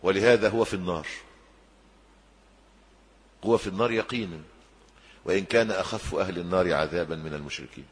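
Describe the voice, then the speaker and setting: A man preaching a sermon in Egyptian Arabic, lively, with loud emphatic peaks and quiet drops, acting out the people he quotes. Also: on the low side. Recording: long hall reverb.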